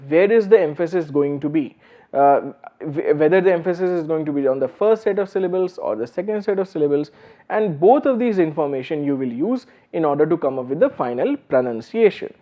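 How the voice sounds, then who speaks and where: A man giving a university lecture, explaining step by step with many "uh"s and restarts. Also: on the high side. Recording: slightly dull lo-fi recording.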